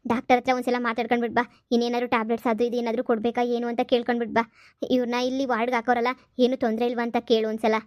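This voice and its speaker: A woman voicing a caring middle-aged mother and wife in a cartoon, speaking in a soothing, gently coaxing way. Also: a little high, little pitch movement, rapid-fire, dry recording, dull audio, close to an everyday voice. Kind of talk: cartoon voice acting.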